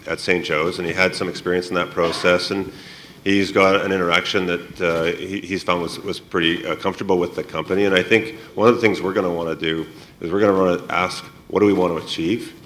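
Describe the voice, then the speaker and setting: A man's voice: low-pitched, fairly bright tone, a little hiss or hum. A man speaking as a technology executive at a town hall, unscripted, with upbeat corporate enthusiasm and plenty of business jargon.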